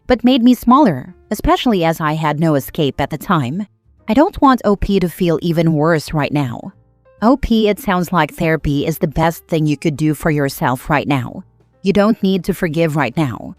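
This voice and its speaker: A woman with a somewhat low voice reads Reddit posts and comments aloud in a steady, even manner. Her voice sits close and dry on the mic. Faint background music runs beneath the narration. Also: no room sound.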